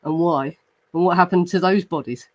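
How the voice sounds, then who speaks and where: Reacting to live comments, a man hosting a true crime show talks loosely with plenty of fillers and restarts, occasionally reading report passages out loud. His voice is high-pitched and his pace moderate.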